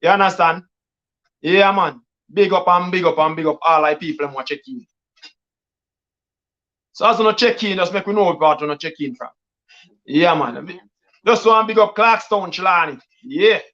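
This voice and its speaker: This Jamaican man hosts a live stream as a DJ, rattling off patois-laced shout-outs and hype. His voice sits a touch high for a man, and the stream audio sounds dull and lo-fi. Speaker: DJ and livestream host. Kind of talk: casual live-stream chat.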